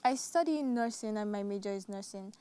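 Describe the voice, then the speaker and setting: A woman's voice: mid-range voice, brisk, dark tone, clean tone, dry recording. A young woman from Nigeria with a Nigerian accent, a nursing student answering interview questions hesitantly. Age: young adult.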